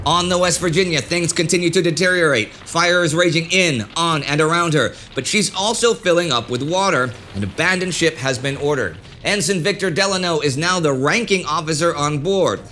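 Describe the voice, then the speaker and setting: A man in his thirties hosting a history documentary, reading a script in a measured storytelling manner with direct asides. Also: fairly high pitch, sharp tone, a little hiss or hum. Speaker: host. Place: indoor studio set with a desk.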